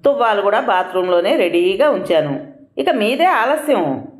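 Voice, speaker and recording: A harried housewife who pushes back against every complaint with weary exasperation, as a woman narrator plays her. Her pitch moves in lively swings. The reading has a roomy echo. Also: normal speed, lightly acted. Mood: exasperated. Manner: defensive, pleading, exasperated. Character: busy patient housewife and mother.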